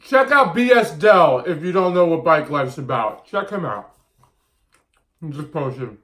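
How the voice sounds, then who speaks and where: A man's voice: a little high, expressive, unhurried, a bit bright. A man in his thirties talking casually to camera as a vlogger and diet coach, blunt and emphatic, often repeating his points. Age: 30s.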